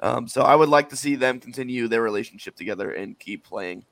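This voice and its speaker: A man with a hoarse, worn-out voice chatting casually as a chummy, self-deprecating podcast co-host. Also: mid-range voice, expressive, a little fast, fairly bright tone, no room sound. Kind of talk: casual chat.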